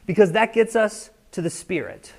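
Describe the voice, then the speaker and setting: In the church sanctuary, a pastor from the United States delivers a sermon in a chatty style, regularly making sure the congregation keeps up. He has a high, gravelly, darkish voice at a moderate pace.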